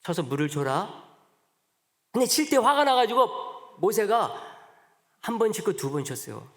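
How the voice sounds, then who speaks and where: Man, pastor preaching, slightly high voice, long church reverb, rhetorical questions, loud peaks and soft drops. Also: big pitch swings, normal speed, gravelly. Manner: rises to loud emphatic peaks, then drops low and soft; asks rhetorical questions of the congregation. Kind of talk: sermon. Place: church sanctuary.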